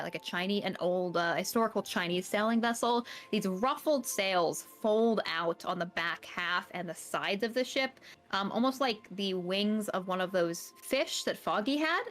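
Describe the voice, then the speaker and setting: A woman's voice: mid-range voice, animated, normal speed, a bit bright, faint music behind. A woman narrating a tabletop horror game as game master, describing scenes at length with many fillers.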